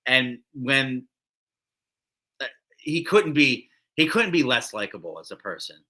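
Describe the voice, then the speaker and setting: A man's voice: mid-range voice, big pitch swings, measured pace, sharp tone. A man co-hosting a wrestling recap show, chatting casually and rambling with many fillers and restarts. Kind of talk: casual podcast chat.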